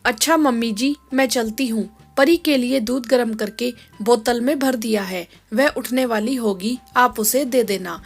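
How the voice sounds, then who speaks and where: A woman voicing a young working mother, a quick-tempered daughter-in-law who scolds in a sharp, clipped way in a storybook tale. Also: fairly high pitch, vocal fry. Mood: polite.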